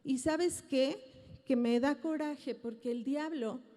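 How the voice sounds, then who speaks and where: A woman's voice: high voice, takes it slowly, mellow. A Mexican woman pastor preaching to a congregation about parenting, earnest and emphatic, often asking the audience rhetorical questions. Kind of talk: family teaching sermon to a congregation. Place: large auditorium. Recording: long auditorium reverb.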